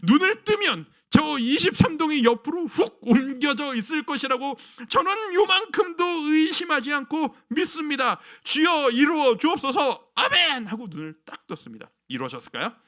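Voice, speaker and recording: A man's voice: very high voice, very animated, moderate pace, hardly any pauses, pushed and bright. A male pastor in his thirties preaching a sermon, telling stories and acting out his own past prayers.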